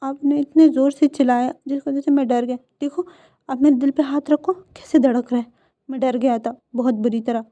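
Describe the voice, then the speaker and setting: Woman reading a sleepy, timid young man for a storybook reading; whiny, mellow voice, lo-fi sound. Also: sits high, fairly even intonation, normal speed, dry recording, natural voice.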